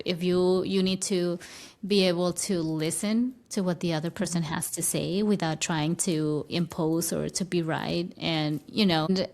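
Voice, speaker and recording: Speaking English though Spanish is her first language, a spiritual teacher gives a thoughtful conversational interview as a guest, often starting phrases over. Her voice sits on the low side.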